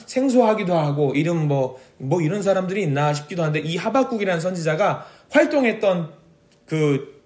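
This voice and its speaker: A man's voice: high-pitched, darkish tone. A male pastor preaching at a prayer meeting in a conversational way, often asking the congregation questions. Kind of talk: sermon at a Tuesday prayer meeting.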